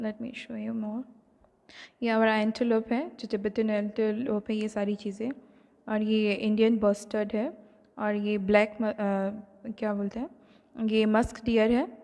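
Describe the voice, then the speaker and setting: In a recorded textbook lesson, an online class teacher, a woman with an Indian accent, reads English slowly and deliberately, then explains in easy Hindi peppered with fillers. The room has a long, lingering reverb. Her pitch is mid-range, her tone darkish.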